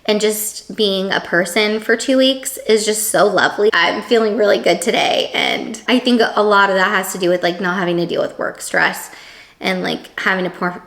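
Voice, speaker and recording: A woman vlogging in a casual, chatty way, laughing often and filling her talk with "like". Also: medium pitch. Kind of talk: casual vlog chat.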